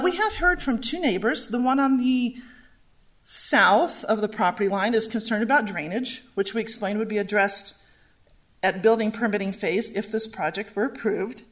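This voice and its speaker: A woman staff planner presenting a zoning variance report at a public hearing, measured and reading from slides. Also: medium pitch.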